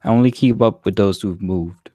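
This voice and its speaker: A man's voice: fairly low pitch, moderate pace, warm tone, dry recording. A young man in casual podcast chat, laid-back and hesitant, trailing off with fillers. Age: young adult. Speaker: podcast co-host.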